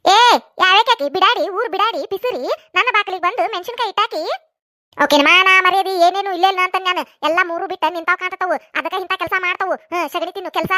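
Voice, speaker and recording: A woman voicing an easily startled, quick-tempered village woman with a North Karnataka Kannada accent, in a cartoon. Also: very high-pitched, sharp tone, dry recording, studio quality.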